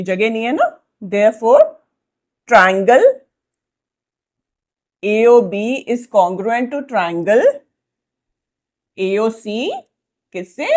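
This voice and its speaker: Slow-dictating woman maths teacher. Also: fairly high pitch, darkish tone. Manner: slow, dictating proof steps word by word, often checking "ठीक है?". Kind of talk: Hindi-English maths lesson at a whiteboard.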